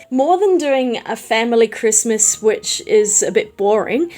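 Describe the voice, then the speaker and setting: A watercolour artist and YouTuber from New Zealand chats in a voice-over while she paints. Her voice is a little high with a darkish tone, and she comes across as friendly, chatty and rambling.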